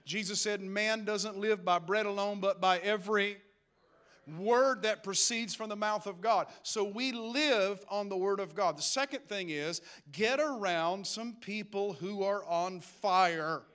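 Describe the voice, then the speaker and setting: A man preaching a lively, humorous sermon that builds to emphatic calls to action. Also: high-pitched, measured pace, clean tone. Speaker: pastor.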